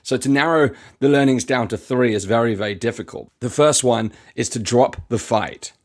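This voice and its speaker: A man's voice: medium pitch, moderate pace. A young man hosting his own podcast, talking earnestly and reflectively in a motivational way, often restarting his sentences. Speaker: podcast host. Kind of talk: reflective solo podcast talk.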